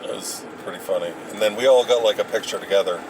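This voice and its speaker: Low-pitched man reminiscing haltingly over background noise. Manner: halting, hesitant, searching for memories. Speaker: vlogger recounting memories. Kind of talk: casual rambling reminiscence. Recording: noisy, with vehicle and ambient sound.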